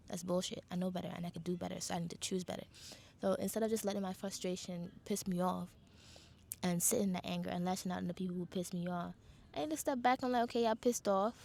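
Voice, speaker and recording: A woman's voice: fairly low pitch, gravelly, a little mellow. A young woman from the Caribbean, talking candidly in a casual reflective monologue and swearing freely. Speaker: vlogger.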